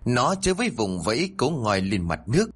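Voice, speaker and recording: A man narrating a horror story in a scripted, expressive reading, doing all the voices. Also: mid-range voice, brisk, slightly rough.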